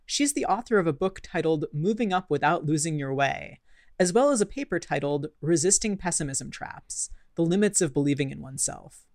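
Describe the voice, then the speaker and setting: A woman co-hosting a radio talk show, introducing the guest and asking clear, probing questions. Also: sits low, expressive, brisk, a little mellow, dry recording, studio quality. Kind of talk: radio interview conversation.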